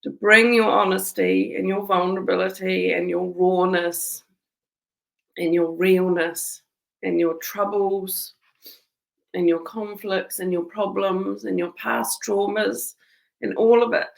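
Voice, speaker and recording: A New woman talking heartfelt and earnest to her community, her voice carrying a gravelly, creaky texture. She sits at a middle pitch and speaks as a site's community manager, plainly moved. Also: little pitch movement, slow pace, rough recording. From New Zealand. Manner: emotional, earnest, tearful at times. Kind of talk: heartfelt personal address to camera.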